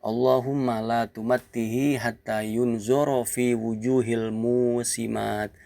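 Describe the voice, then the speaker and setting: A man's voice: mid-range voice, little pitch movement, slow pace, gravelly, mellow. A man voicing an aggrieved mother who calls for her son and later prays bitterly against him, in a storytelling lesson. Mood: bitter prayer. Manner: calling out, then praying bitterly.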